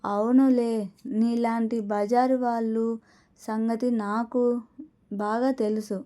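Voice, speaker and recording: A woman's voice: on the high side, level tone, slow, mellow. A woman storyteller voicing a spiteful young woman who mocks and insults another girl. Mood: sneering. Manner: mocking, insulting.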